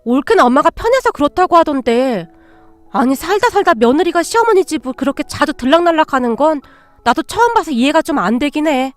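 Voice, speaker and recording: A woman voicing an adult daughter who gently tries to calm her mother. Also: high-pitched, brisk, no room sound, faint music behind. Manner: placating, gentle. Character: adult daughter, soothing and reasonable.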